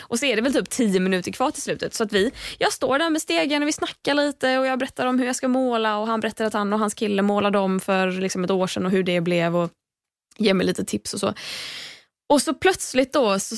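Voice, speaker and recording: A young woman hosting a podcast, telling a story in an animated, casual way, swearing freely and acting out what people said. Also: medium pitch, dry recording, clean studio sound. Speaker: podcast host.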